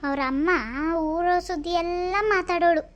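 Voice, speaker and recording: Very high-pitched woman doing village gossip. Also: steady tone, moderate pace. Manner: quarrelsome, gossipy village chatter with shouted insults. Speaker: comedy skit performer. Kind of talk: village gossip comedy skit, voicing several women.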